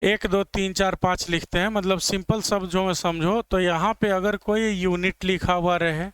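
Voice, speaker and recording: Guy teaching english grammar, kinda high voice, super crisp and dry sound, keeps asking if it's clear. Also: steady tone, normal speed, a bit bright, no echo. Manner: explains step by step, asks students "clear?". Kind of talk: classroom lecture.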